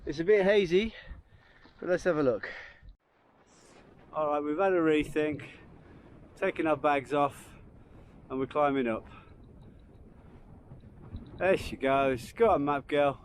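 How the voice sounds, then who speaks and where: Upbeat man vlogging outdoors, higher-pitched voice. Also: takes it slowly, pauses often. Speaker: hiking vlogger. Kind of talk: casual walk-along vlog narration. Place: outdoors on open moorland hills. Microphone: handheld camera. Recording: outdoor wind and ambient noise.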